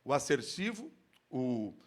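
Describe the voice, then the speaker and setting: A man speaking on stage at a workplace safety event, giving an expressive live lecture into a handheld microphone. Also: medium pitch, takes it slowly. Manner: animated, expressive, shifts tone to demonstrate.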